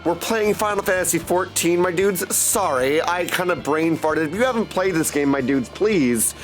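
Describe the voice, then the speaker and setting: A man whose voice sits on the high side talks at a moderate pace as he hosts a game livestream. Chatting casually with viewers, he shifts between replies and catchphrases. He is a voice actor and audiobook narrator, and music is audible behind him.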